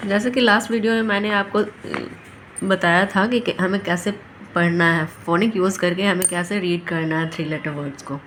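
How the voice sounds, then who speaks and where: A woman's voice: on the low side, moderate pace, fairly bright tone, slight background noise. A woman teaching a phonics lesson, patiently sounding out each letter. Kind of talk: phonics lesson for parents and children.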